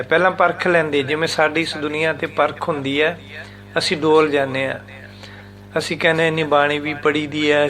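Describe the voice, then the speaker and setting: A man teaching the meaning and recitation of scripture, speaking deliberately and repeating words syllable by syllable to show how they are pronounced. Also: fairly high pitch, a bit bright.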